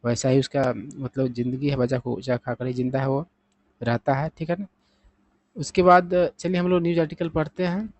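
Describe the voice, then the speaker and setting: A man teaching English vocabulary in Hindi, explaining each word step by step and reading the example sentences slowly. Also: medium pitch, no room sound, muffled recording. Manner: steady explaining, often adding "thik hai na?".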